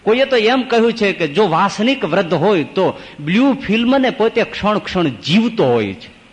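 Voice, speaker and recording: Preaching man, high voice, long hall reverb. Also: sing-song, moderate pace. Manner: acts out story characters in changing voices. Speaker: swami giving a scripture discourse. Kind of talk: devotional storytelling sermon.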